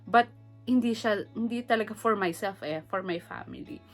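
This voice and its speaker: A woman's voice: medium pitch, normal speed, faint music behind. A middle-aged woman from the Philippines, vlogging in a chatty, emotional way that mixes English into her Tagalog, laughing often. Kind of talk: casual personal vlog.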